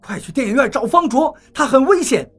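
A woman voicing a brash, fierce man in an audiobook story, shouting urgently in a raised voice. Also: sits high, lively intonation, a little fast, husky, soft background music, voice pushed up, heavily acted.

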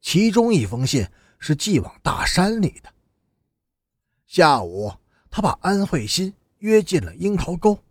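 A man narrating an audiobook novel in steady storytelling, with expressive rises and falls. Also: high-pitched, unhurried, breathy edge, no room sound, studio quality.

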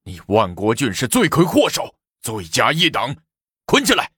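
A man's voice: lowish voice, animated, a little slow, a bit bright, dry recording, studio quality. A man voicing a stern, cold male chancellor who declaims an imperial edict.

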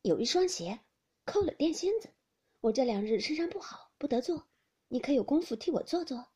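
A woman voicing a gentle, tactful young maid who coaxes and explains softly. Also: sits high, animated, fairly quick, voice pushed up. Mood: coaxing.

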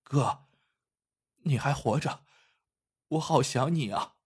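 A man's voice: mid-range voice, takes it slowly, slightly rough. A man voicing a pleading young village woman.

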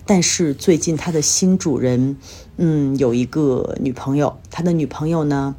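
A woman from China hosts a casual solo podcast, giving a life update through chatty everyday stories while sounding a bit tired and under the weather. Her voice is deep, dark, and slightly rough, and she speaks at a measured pace.

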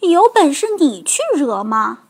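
A woman voicing a bossy big bully bear boy who taunts loudly in a storybook. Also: high-pitched, sing-song, a little slow, heavily acted. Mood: taunting. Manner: taunting, loud.

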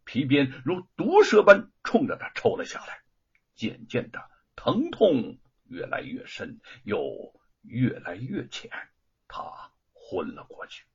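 A man's voice: mid-range voice, wildly swooping pitch, takes it slowly, gravelly, breathy edge. A man telling a story in a dramatic storytelling style, theatrical and swooping. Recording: dull lo-fi recording.

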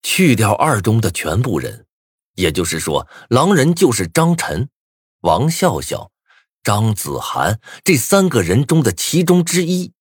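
A man's voice: lowish voice, wildly swooping pitch, measured pace, slightly rough, dry recording, clean studio sound. A man narrating a suspenseful first-person story in a tense storytelling voice.

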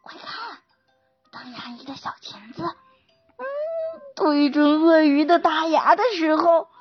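A woman teacher reading a picture book to young children, slow and animated with many interjections. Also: high voice, lo-fi sound, faint music behind.

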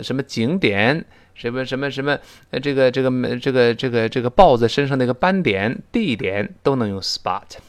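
Male English teacher, animated lecturing tone, many filler words, drawn-out careful model readings. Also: mid-range voice. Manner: explains at length, many "this, this" fillers; reads English examples slowly and carefully. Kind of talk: recorded language lesson.

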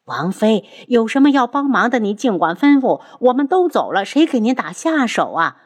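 A woman's voice: big pitch swings, moderate pace. A woman voicing a frightened female midwife crying out frantically. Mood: pleading. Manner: shrill, frantic.

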